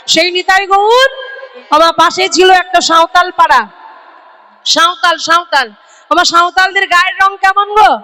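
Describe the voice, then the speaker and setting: Bright high-voiced woman kirtan storyteller. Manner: dramatic, calls out to the audience. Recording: echoey hall with music behind.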